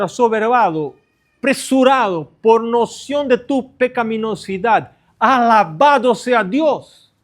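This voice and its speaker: Middle-aged male preacher, high voice, slow earnest repetitive sermon delivery. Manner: earnest and repetitive, stressing short phrases. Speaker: pastor. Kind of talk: sermon to pastors.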